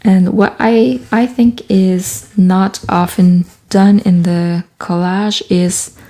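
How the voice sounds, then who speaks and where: Working on a collage in a small home studio, a woman from Quebec, Canada, talks casually. Her first language is French, and she's an artist and author who vlogs, speaking softly and slowly at a medium pitch with a steady tone.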